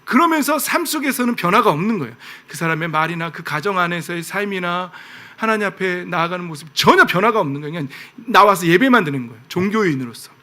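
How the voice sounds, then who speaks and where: A man pastor preaches in a lively, conversational way and keeps asking his congregation questions. His voice sits high and bright. It swings widely in pitch as he presses each point. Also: fast talker. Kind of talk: sermon.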